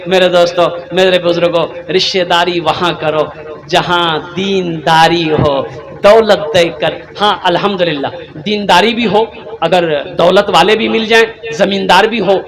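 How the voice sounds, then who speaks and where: A male preacher from Kolkata delivering a fiery religious sermon, firing rhetorical questions and hammering points with repetition. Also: sits high. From Kolkata, India. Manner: rhetorical questions, emphatic repetition, sometimes shouts. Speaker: Islamic preacher.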